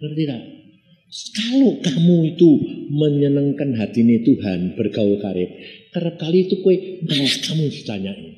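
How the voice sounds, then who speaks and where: Man, pastor, Javanese accent, sermon, fairly high voice, swooping lively intonation. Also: normal speed. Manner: lively storytelling, mixing Javanese into Indonesian and acting out dialogues. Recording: echoey church hall.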